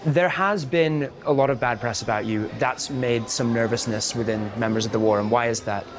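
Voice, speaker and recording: A man narrating a documentary and interviewing, with calm, probing, measured questions. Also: medium pitch.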